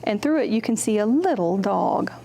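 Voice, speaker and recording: A librarian hosts a children's storytime, reading picture books aloud with lots of expression and asking her young listeners simple questions. Her mid-range voice is gravelly and moves at a moderate pace, and she acts out contrasts vocally. A faint hiss or hum sits under the recording.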